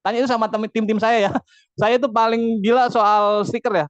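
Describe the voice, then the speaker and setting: A man leading a motivational business training over a video call, lively and chatty, often turning to his audience. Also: high-pitched, fairly quick, clear, resonant tone, no echo, muffled recording. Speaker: business team leader giving a training.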